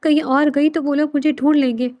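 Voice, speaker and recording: A woman's voice: high voice, steady tone, a little mellow, dry recording. A woman reading a desperate young woman. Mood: pleading. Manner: pleading, tearful.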